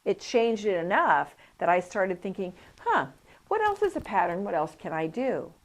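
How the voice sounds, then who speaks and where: A woman's voice: mid-range voice, normal speed. A woman instructor teaching a coparenting class, telling stories and acting out what people said. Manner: animated storytelling, acts out quoted voices. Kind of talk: lively teaching talk with anecdotes.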